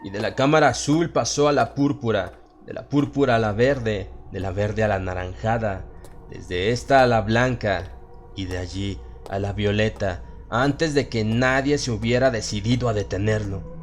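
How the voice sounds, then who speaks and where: This audiobook narrator has a lowish voice and a Latin American Spanish accent, speaking at normal speed with slight background noise. He delivers dramatized, scripted horror narration in a solemn, theatrical manner, backed by music.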